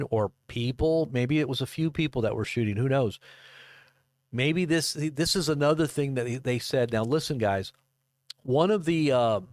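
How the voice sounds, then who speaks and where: A man in his fifties giving casual live commentary and reading news reports aloud, halting and rambling as he goes. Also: medium pitch, no echo, clean studio sound. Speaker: livestream commentator. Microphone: close desk microphone.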